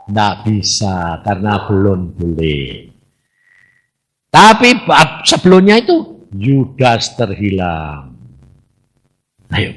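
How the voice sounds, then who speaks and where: Lively, chatty male preacher. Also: fairly low pitch. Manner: lively, chatty, teasing, acts out dialogues. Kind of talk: sermon.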